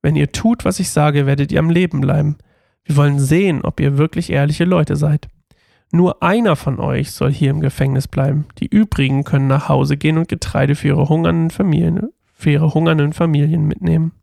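A man voicing a stern Egyptian ruler who tests his brothers, read aloud slowly and firmly in a gravelly voice. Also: on the high side, fairly even intonation, warm tone, dry recording, studio quality.

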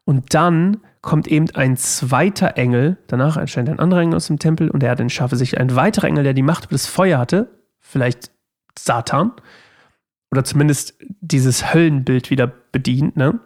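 Gravelly man hosting a casual Bible study. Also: on the high side, normal speed. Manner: chatty, rambling, full of fillers. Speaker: Bible study podcast host.

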